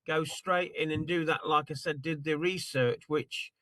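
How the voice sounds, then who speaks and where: A man's voice: fairly high pitch, fairly even intonation, measured pace, a bit bright, dry recording. A man demonstrating a tool over a video call, talking in a rambling, apologetic way while he searches his screen. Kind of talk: casual screen-share demo on a video call.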